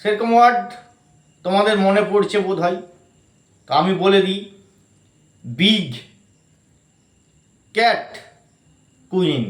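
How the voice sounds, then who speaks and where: A man's voice: sits high, animated, slow pace, pauses often, roomy sound. A man teaching an English grammar lesson, breaking words into syllables and spelling them out letter by letter. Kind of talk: explanatory lesson.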